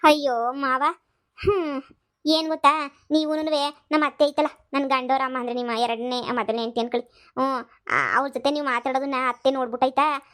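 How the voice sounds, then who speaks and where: A sly young village maid sweet-talks and coaxes in a cartoon comedy, as a woman voices her. The voice sits high and the talk runs quick. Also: steady tone, fairly bright tone, clean tone. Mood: coaxing. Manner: high-pitched, coaxing and wheedling.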